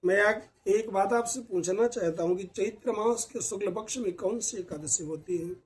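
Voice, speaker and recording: A man's voice: high voice, moderate pace, slight background noise, lightly acted. A man voicing an earnest, curious king in a storybook tale, asking respectfully.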